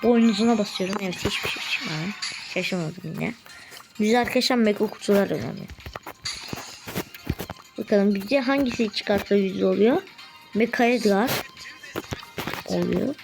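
A woman giving gameplay commentary to her viewers while opening rewards, quickly getting frustrated and excited. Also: medium pitch, vocal fry, music in the background. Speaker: mobile game streamer.

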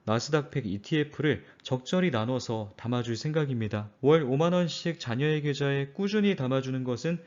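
A man narrating a scripted finance talk in a calm, measured and earnest way. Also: mid-range voice, muffled recording. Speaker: finance channel host.

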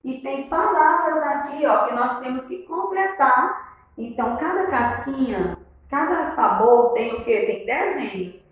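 A woman's voice: high voice, lively intonation, measured pace. A woman with a Brazilian Portuguese accent teaching a video lesson to small children in a sing-song way, recorded in a classroom on a camera a few metres away. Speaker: preschool teacher. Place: indoor classroom, standing before a whiteboard. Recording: very echoey classroom, distant mic.

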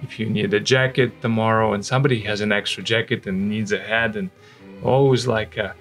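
A man's voice: lowish voice, steady tone, a little fast, fairly bright tone, soft background music. A man in his forties from Russia with a Russian accent, recalling his life conversationally as an interview guest, close to a studio microphone. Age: 40s. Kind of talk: conversational personal recollection. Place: indoor studio. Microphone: microphone on a stand, close.

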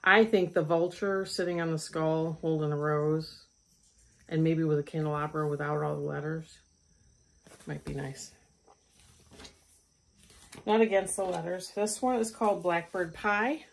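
A woman's voice: low-pitched, fairly even intonation, a little slow, vocal fry, pauses often, a little hiss or hum. A middle-aged woman hosting a stitching vlog, chatting casually about her craft purchases with frequent ums and restarts. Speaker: craft channel host.

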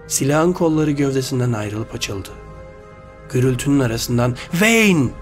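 A man reads a short story aloud as narrator, in a steady, measured way. His voice sits at an ordinary pitch for a man. Soft background music runs under the reading.

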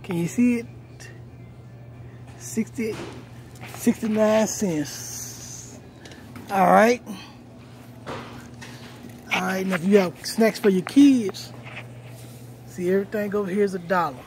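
A middle-aged male vlogger films a casual walk down a large indoor store aisle with his phone held at arm's length, repeatedly pointing out prices to viewers. His high-pitched, slightly mellow voice moves slowly with long pauses. Noisy store ambience fills the recording.

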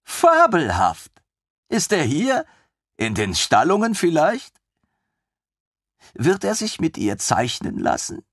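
A man doing a gushing, excitable young lieutenant. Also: a little high, takes it slowly, long pauses, breathy edge, no echo, studio quality, voice pushed up, exaggerated voice. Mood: eager. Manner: excitable, pompous and naive. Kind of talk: audiobook character voice.

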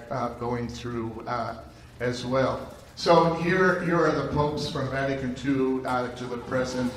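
An older man, a Jesuit priest, giving an animated lecture with many ums and restarts into a handheld mic. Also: mid-range voice, a little hiss or hum. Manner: animated, gestures widely, many fillers and restarts. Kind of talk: conference lecture. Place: large conference room with audience. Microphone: handheld microphone, far camera. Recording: echoey hall, heard from far off.

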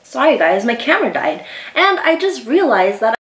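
A young woman chatting casually as she eats on her video, pausing, her mouth burning from spicy food. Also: fairly high pitch, sing-song, faint music behind. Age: young adult. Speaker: mukbang video host. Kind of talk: casual chat while eating. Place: small room indoors. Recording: echoey room, distant camera mic.

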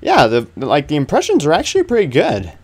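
Animated young man doing let's play commentary. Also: a little high, quick pace, a little hiss or hum. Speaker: gaming video host. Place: small room indoors. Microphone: desk microphone close by. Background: video game ambience.

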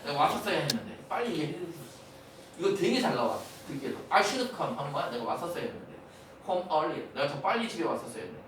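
A man teaching English, explaining a textbook dialogue in quick bursts, repeating key words and correcting pronunciation. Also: on the high side, very animated, fairly bright tone. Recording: echoey room, mic at a distance, faint hiss.

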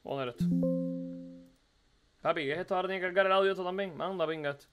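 A rapid-fire Cuban man critiques a viewer's video live, teasing, repeating phrases and firing off rhetorical questions. His voice sits high and sounds bright and a little hoarse. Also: faint music behind. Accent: Cuban Spanish. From Cuba. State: hoarse from recording the night before. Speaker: streamer reviewing a viewer's video. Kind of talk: casual live-stream commentary.

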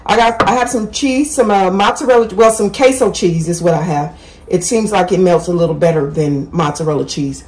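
A woman hosts a casual cooking tutorial in her home kitchen, talking directly to viewers and correcting herself as she goes. Her voice is on the low side, a little fast and a little mellow.

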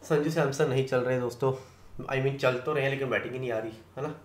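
A man giving fantasy cricket team tips in fast casual talk, confident, often checking in with his listeners. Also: medium pitch, fairly even intonation, roomy sound. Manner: rapid, confident, keeps tagging "है ना" and "दोस्तों".

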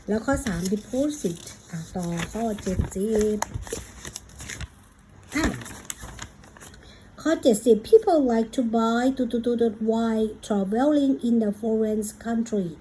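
A woman teacher with a Thai accent, patiently walking children through English exam questions, reading the English lines out slowly and calling the listener "child". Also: fairly high pitch, mellow, slight background noise, poor audio. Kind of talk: exam prep lesson.

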